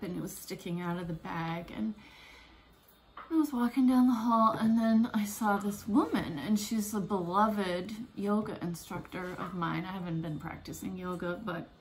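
A podcast host, a woman, tells a heartfelt personal story in a halting, emotional way and stops now and then to collect herself. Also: lowish voice, fairly even intonation, a little hiss or hum, low-quality recording.

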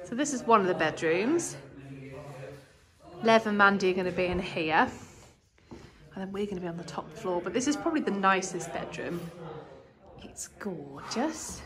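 A woman's voice: medium pitch, expressive, normal speed, long pauses, crowd noise. A woman in her forties chats through a casual vlog and gushes over each thing she shows. She films on a phone held at arm's length, and other people talk in the background. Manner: chatty, gushing. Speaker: vlogger. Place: indoors at home, in a car, walking through a rental house. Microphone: phone camera held at arm's length.

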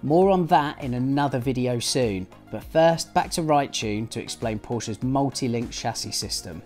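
A man's voice: medium pitch, lively intonation, moderate pace, a little mellow. Young guy narrating car stuff, upbeat, light music under it. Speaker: host. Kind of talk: car video narration and interviewing.

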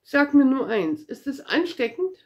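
A woman's voice: sits high, big pitch swings, a little slow, voice pushed up. A woman voicing a cheeky, boastful little red-haired girl in a read-aloud storybook, chatty and eager.

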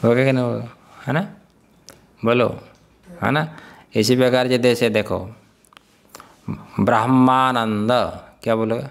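A male spiritual teacher giving a scripture class, often putting questions to his listeners, chuckling and sounding out syllables slowly. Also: mid-range voice, vocal fry. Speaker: Vedanta teacher.

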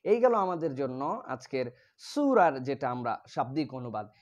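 A man teaching Quran pronunciation and tafsir, drawing out Arabic words loudly, then explaining more quietly. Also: medium pitch, big pitch swings, moderate pace.

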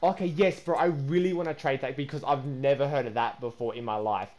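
A man hosting a game video, excitable and chatty, slipping into shrill indignation when he feels cheated. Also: a little fast. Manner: excitable, repeats "guys" and "bro", turns shrill and indignant. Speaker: gaming YouTuber host. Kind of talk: gaming commentary with voice chat.

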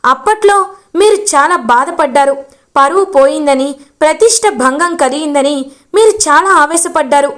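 A woman voicing an earnest young wife who calmly pleads and explains. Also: high-pitched, moderate pace.

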